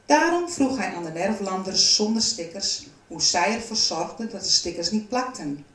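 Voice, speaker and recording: A woman reading a children's storybook aloud in a calm, even narrating voice. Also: mid-range voice, moderate pace. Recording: roomy, from a distance.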